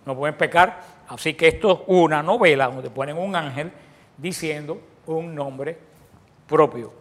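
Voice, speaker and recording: A man preaching a sermon, asking his listeners questions and answering them himself, often restarting his phrases and swinging between loud and soft. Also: a little high, a little slow.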